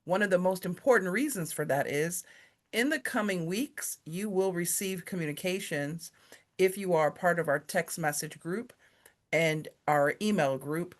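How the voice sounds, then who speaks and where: A woman hosting an online community meeting, upbeat and joking, reading out a phone number slowly and clearly. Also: deep voice.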